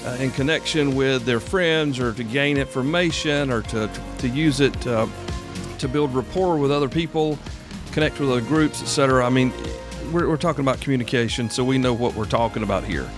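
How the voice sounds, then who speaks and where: Brisk and mid-range, a man in his fifties hosts a solo podcast with music playing behind him. He stays close on the microphone, chatting casually and informally and repeating phrases to drive points home.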